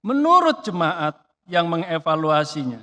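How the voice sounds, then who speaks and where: A man preaching a sermon in a church, chatty and lively, with rhetorical questions and sudden swings between loud emphatic bursts and quiet asides. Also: fairly high pitch, measured pace. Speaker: pastor.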